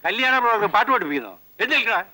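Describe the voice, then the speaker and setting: An actor playing a stern, gruff head of a household who scolds those around him in a film comedy. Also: male voice, sits high, expressive, rapid-fire, sharp tone, no echo, full character voice, low-quality recording. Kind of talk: 1990s film comedy dialogue.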